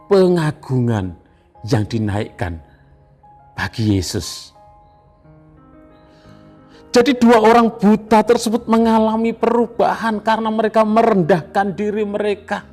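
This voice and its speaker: A man with an Indonesian accent preaching an evening devotional sermon, slow and emphatic, repeating phrases. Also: sits high, darkish tone. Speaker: pastor.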